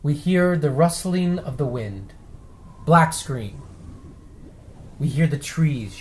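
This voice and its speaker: A man co-hosting a casual movie show, telling a scene idea out loud and checking in with "okay?" as he goes. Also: fairly high pitch, animated, takes it slowly. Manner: storytelling with repeated "okay?" checks. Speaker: co-host.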